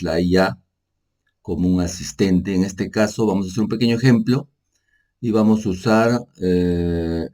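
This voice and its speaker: Working on screen during an unscripted software tutorial, an energy manager whose first language is Spanish narrates in a deep, low, dark and mellow voice. His delivery is halting and unhurried, full of self-corrections and casual explanations, with frequent "pues" and checking-in tags like "¿no?"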